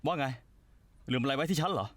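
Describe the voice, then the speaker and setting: Brief: high-voiced, fast, dismissive young rock star, dry close dub. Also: male voice, expressive, fairly bright tone, no room sound. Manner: curt, dismissive. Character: arrogant, short-tempered young rock star. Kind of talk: Thai dubbing of a TV drama.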